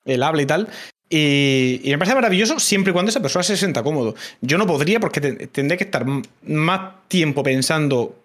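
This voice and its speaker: A man with a Murcian Spanish accent talks over a video call in a relaxed, easygoing way. His voice sits a little high, and he swears freely and trips over his restarts as he goes. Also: a little fast. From Murcia, Spain. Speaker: streamer guest. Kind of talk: casual chat.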